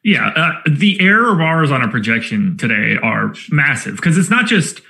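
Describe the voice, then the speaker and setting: A man co-hosting a fantasy basketball show, explaining lineup rules step by step in a relaxed chat. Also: on the high side, normal speed, gravelly. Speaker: co-host of a fantasy sports show. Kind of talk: casual analytical chat.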